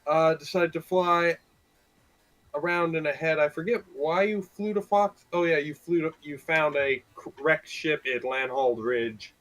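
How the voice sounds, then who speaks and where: Slow, rambling male game master. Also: on the high side, a bit bright, rough recording. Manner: rambling, hesitant with many fillers. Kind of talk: casual tabletop game recap.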